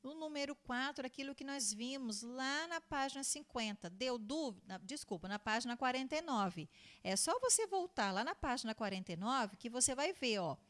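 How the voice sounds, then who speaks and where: A woman, a primary school teacher, records a lesson for young children. Her voice sits a little high and swoops up and down a lot, lingering on words as she spells them out. She repeats each point patiently and answers her own questions. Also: lively intonation, fairly bright tone. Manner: stretches out words slowly when spelling them out.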